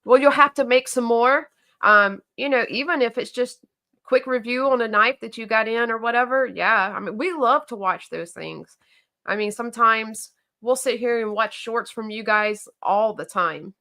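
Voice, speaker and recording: A woman's voice: fairly high pitch, normal speed, pushed and bright. A woman with a Southern accent, co-hosting a casual livestream and chatting about viewer comments with plenty of fillers and restarts. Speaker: co-host of a knife company livestream.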